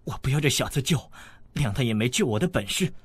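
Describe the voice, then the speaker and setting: A man's voice: mid-range voice, lively intonation, fast, slightly rough, no room sound. A man voicing a proud, stubborn young swordswoman, wounded and scornful, in an audiobook. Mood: defiant. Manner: defiant, scornful.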